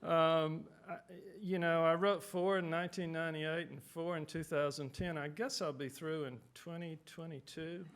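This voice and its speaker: Gravelly-voiced man reading his fiction. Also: a little high, normal speed, few pauses. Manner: relaxed, self-deprecating, many fillers. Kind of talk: conference remarks and literary reading. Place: conference reading hall.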